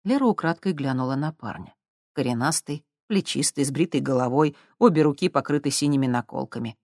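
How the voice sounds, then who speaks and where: An audiobook narrator reads in a steady, even storytelling manner at a middle pitch. The recording is close and dry, with no room sound. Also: brisk, no echo.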